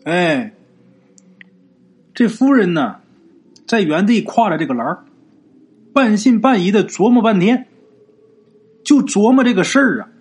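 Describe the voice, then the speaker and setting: A man narrates a ghost story in a chatty oral-storytelling manner, stretching out his sentence particles. His voice is husky. It moves through a lively pitch range. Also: unhurried, pauses often.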